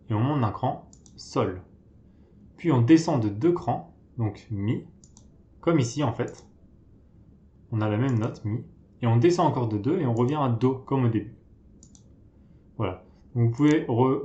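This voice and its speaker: A man explains beginner piano, calmly naming notes one by one and counting beats aloud. His voice sits at an ordinary middle pitch. The room carries a clear echo around him. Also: dull audio. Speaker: piano teacher. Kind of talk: step-by-step piano tutorial. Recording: roomy echo.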